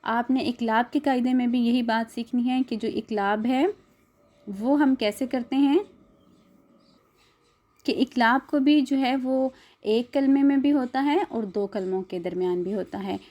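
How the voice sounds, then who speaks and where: A woman's voice: fairly high pitch, a little slow, a little mellow, lo-fi sound. A woman teaching a Quran recitation lesson step by step, spelling out syllables, drawing out the recited words and asking listeners to repeat after her.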